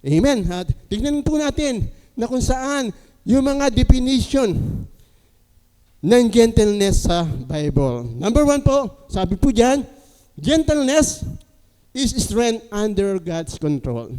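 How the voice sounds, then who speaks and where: A man's voice: very high voice, very animated, takes it slowly, warm tone, clear, resonant tone. A man preaching a sermon as pastor, politely asking the congregation questions as he goes. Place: church sanctuary. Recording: long church hall reverb.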